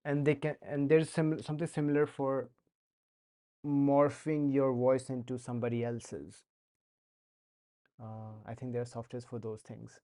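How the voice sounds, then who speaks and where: Coding on a live stream, a young man with an Indian accent chats in a level, dark-toned, medium-pitched voice, a little slow and pausing often. He's a streamer learning to code, hesitant with many fillers and restarts.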